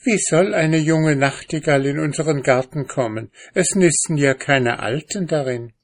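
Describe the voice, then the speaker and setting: A man reading aloud, voicing a sharp, mocking housewife who dismisses and scolds her husband. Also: on the high side, normal speed, pitched above the performer's own voice. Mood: dismissive.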